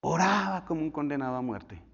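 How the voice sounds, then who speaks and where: A male pastor telling stories in a sermon, swinging from loud, high bursts to hushed, near-whispered lines. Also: brisk, slightly rough. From Colombia. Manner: animated storytelling with sudden drops to near whisper. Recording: dull echoey church hall.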